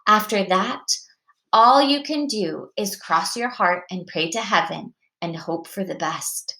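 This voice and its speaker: Old grandmother figure, witchy, slow and grave, played by a mom reading aloud; bright tense tone, echoey room. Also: medium pitch, animated. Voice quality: witchy-sounding. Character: elderly Norwegian grandmother, stern and solemn.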